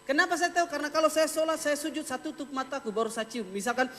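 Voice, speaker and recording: A man's voice: very high voice, fairly even intonation, fast, fairly bright tone. Young man doing stand-up in a hall. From Wakatobi, Southeast Sulawesi. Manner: playful storytelling with mock dialogue. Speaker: stand-up comedian. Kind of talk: stand-up comedy set. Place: stage in a hall before an audience. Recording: reverberant hall, faint noise.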